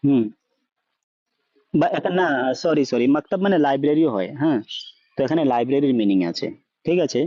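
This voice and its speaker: A man with a fairly high but mellow voice teaches a class, firing questions at his students and checking they follow. The sound is dry and dull, like a low-fi recording. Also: lively intonation, a little fast, pauses often, no echo. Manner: questioning, checks understanding often; mixes in English words. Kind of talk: online language class.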